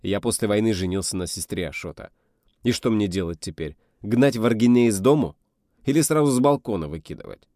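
A man voicing a gruff old navy captain. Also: on the low side, lively intonation, a little fast, mellow, no room sound, studio quality, natural voice. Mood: stern. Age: 60s. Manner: gruff, commanding, bitter. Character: older male navy captain, stern and gruff.

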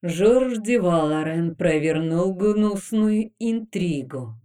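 A woman reading an audiobook, voicing a serene female temple priestess who speaks slowly, calmly and sternly. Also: fairly low pitch, clear, resonant tone, long reverb tail. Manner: slow, calm, stern.

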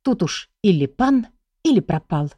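A woman calmly narrating a story in the first person. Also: mid-range voice, a little slow, breathy edge, dry recording. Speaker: audiobook narrator.

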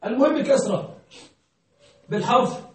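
A male grammar teacher giving a classroom lesson, questioning his students, checking that they follow and repeating key words slowly. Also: very high-pitched, a little hiss or hum. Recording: very echoey room, distant mic.

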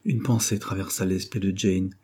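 A man narrating a classic novel as an audiobook in a steady storytelling manner. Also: low-pitched, normal speed, husky.

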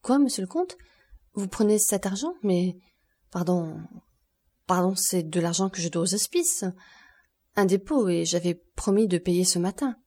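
A woman's voice: on the low side, lively intonation, unhurried, long pauses, warm tone. A woman reading an audiobook, voicing a boastful, proud male banker who turns nervous and stammering. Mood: affolé. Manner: swaggering, then flustered and stammering.

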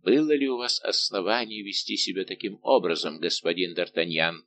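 A man's voice: fairly low pitch, animated, normal speed, fairly bright tone. A man reading an audiobook, voicing a haughty young king who questions and rebukes with indignation. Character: haughty young male king, imperious and angered.

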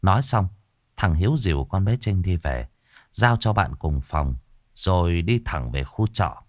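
Low, dramatic male horror storyteller. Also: lively intonation, measured pace, dry recording, studio quality.

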